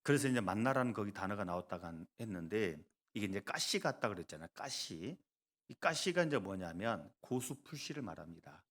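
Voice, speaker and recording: Male pastor preaching in a lively, sing-song voice, with punchy emphasis, hushed asides and jokes for the pews. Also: fairly low pitch, brisk. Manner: animated, swings between loud emphasis and soft asides; joking, conversational asides to the congregation. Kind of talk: sermon.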